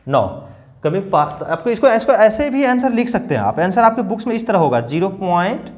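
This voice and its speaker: High-voiced man teaching math patiently. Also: very animated, normal speed. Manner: patient, repeats numbers step by step, asks children questions. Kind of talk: classroom math lesson.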